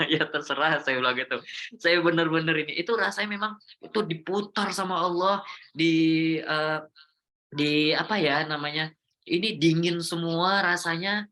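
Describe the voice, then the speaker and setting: Bright-voiced man preaching with emotion. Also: on the high side. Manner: emotional, animated, prays aloud in quotes. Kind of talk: online religious talk.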